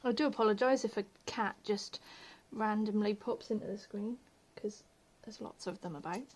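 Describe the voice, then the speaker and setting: A woman talks through a beginner crochet lesson in a relaxed, chatty way, at a middling pitch for a woman. She is self-deprecating and slips into soft near-whispers as she concentrates on her hands. She admits to having a slightly posh telephone voice on. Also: moderate pace. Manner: chatty, self-deprecating, drops to murmurs while working. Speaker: crochet tutorial host. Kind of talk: casual home tutorial.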